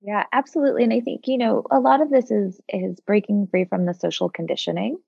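A woman's voice: medium pitch, fairly even intonation, fairly quick, gravelly, husky, no echo, lo-fi sound. A woman of forty, a coach and former psychologist, speaking as a podcast guest in a reflective, earnest way with many fillers. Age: 40s. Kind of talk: casual podcast conversation.

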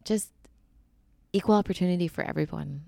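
A woman guest in a casual interview, telling her stories in an animated way and laughing often. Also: on the low side, a little fast, vocal fry, no room sound. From Canada. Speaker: guest, Olympic curler.

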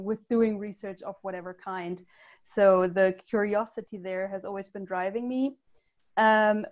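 A woman's voice: medium pitch, darkish tone. Woman from germany on a podcast, lots of ums and restarts, sounds a bit dull and muffled. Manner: thoughtful, with frequent ums and restarts. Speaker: guest, user research lead. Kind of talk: podcast interview.

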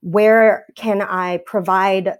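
A woman talks through her answers in a thoughtful way. She often restarts her sentences and fills the gaps with ums. Her voice sits at an ordinary, middle pitch. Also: fairly even intonation, drawn-out words, smooth. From New York, USA. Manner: reflective, many fillers and restarts. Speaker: teacher. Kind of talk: conversational interview.

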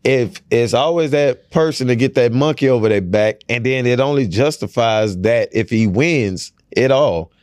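A man co-hosting a podcast in casual chat, loud and joking, laughing a lot. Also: normal speed, hardly any pauses, dry recording. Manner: loud joking banter, laughs a lot, swings into high exclamations. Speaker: podcast co-host.

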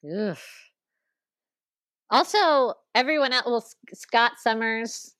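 A woman co-hosting a podcast in casual chat, animated and ranting, with quick asides and laughs. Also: fairly high pitch, no room sound, clean studio sound. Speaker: podcast co-host.

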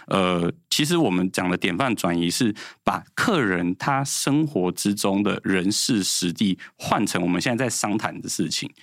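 A man in his thirties with a Taiwanese Mandarin accent tells stories quickly and animatedly, his fairly low voice jumping around in pitch. He is a guest in casual chat and acts out the people he quotes. The sound is close and dry. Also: expressive, no echo. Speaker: guest, insurance salesman.

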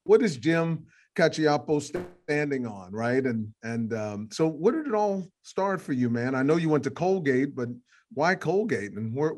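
A man's voice: on the high side, animated, unhurried, darkish tone. Chatty man podcast host. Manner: chatty, many fillers and restarts. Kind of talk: casual interview.

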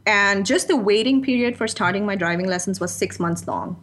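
This Pakistani woman in her thirties, a freelance writer, is a guest in a casual interview. Her mid-range voice is brisk and fairly bright, and she talks chattily and candidly, laughing easily and dropping in plenty of "you know" asides.

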